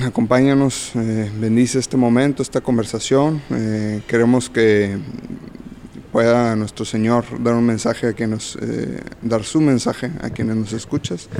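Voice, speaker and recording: A man co-hosting a podcast, opening with an earnest prayer in a halting, filler-laden manner. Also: medium pitch, darkish tone, a little hiss or hum. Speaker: podcast co-host.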